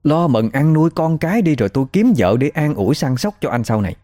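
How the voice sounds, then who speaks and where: A man's voice: a little high, sing-song, fast, voice pushed up. A man putting on a furious dead mother's spirit. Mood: commanding. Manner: scolding, shouting accusations.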